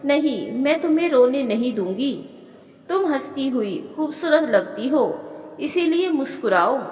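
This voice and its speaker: A woman's voice: high-pitched, lively intonation, a little slow. Woman reading as caring friend Neha. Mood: reassuring. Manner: gentle, reassuring. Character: caring young married woman, friendly and coaxing. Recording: echoey room with long reverb.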